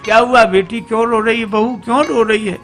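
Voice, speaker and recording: Man playing a scolding old mother-in-law, gravelly and bright, for a story in a sermon. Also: extremely high pitch, steady tone, soft background music, pitched above the performer's own voice. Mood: soothing. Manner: scolding, brisk.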